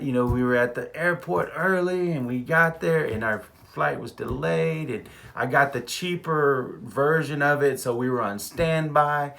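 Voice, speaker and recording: A man from Texas, an animated storyteller who chuckles often and repeats words in a casual vlog. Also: medium pitch, vocal fry. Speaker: vlogger.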